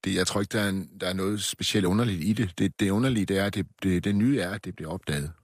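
A man giving measured, analytical political commentary on a panel. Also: low-pitched, no echo, studio quality. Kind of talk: panel discussion.

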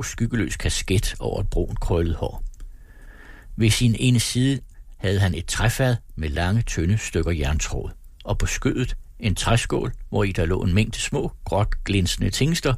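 Low, husky man reading a novel. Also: dry recording, clean studio sound. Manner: measured, descriptive reading. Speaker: narrator. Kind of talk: scripted audiobook narration.

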